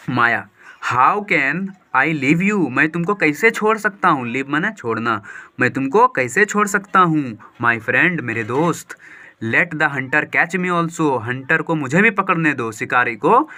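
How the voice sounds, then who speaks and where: A man reading a story aloud slowly, line by line, and explaining each word and phrase in quick, lively Hindi as a teacher. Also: medium pitch. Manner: slow deliberate reading of English lines, then quick lively Hindi explanation. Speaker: English teacher.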